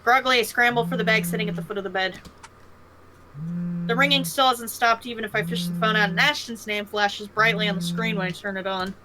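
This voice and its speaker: A woman streaming a horror game, reading its narration aloud in an expressive way. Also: medium pitch, a little fast, poor audio.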